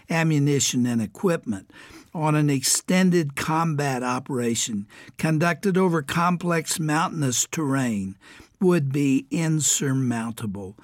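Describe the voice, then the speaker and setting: With a slightly high, raspy voice, an older US radio host reads out a prepared letter, his words a bit strained and not fully clear. He takes a grave, deliberate approach, stressing each entry in his lists, in a dry recording with clean studio sound.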